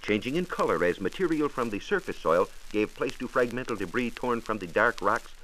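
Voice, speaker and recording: With lively intonation and a brisk pace, an American man with a fairly low, slightly bright voice narrates a scripted 1940s science radio programme as its reporter. He is formal, precise and emphatic, and the transcription disc is faintly noisy.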